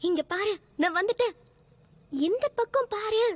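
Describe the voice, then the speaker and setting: A woman's voice: very high-pitched, animated, measured pace, a crowd in the background. A woman dubbing a brash, boastful young swordswoman, with music behind. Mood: confident. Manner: brash and confident.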